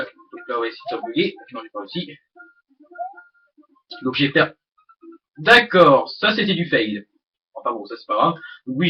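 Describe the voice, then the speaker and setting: In this casual let's play, a young man with a medium-pitched, breathy voice rambles through the game, hesitating often and swearing at it. The dull lo-fi mic picks him up alongside the game music.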